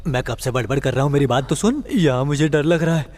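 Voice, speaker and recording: A man's voice: a little high, fast, a little mellow, slight background noise, lightly acted. A male dub actor playing a talkative, easily scared comic sidekick in a dubbed film. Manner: chattering, fearful, complaining. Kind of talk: Hindi film dub acting.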